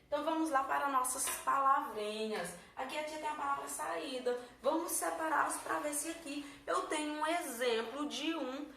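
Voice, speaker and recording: A woman teaching a lesson in a patient, explanatory way, with a slightly high voice. She is recorded in a roomy, echoing space from some distance, with faint background noise. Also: moderate pace, vocal fry, hardly any pauses, sharp tone. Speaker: Portuguese teacher.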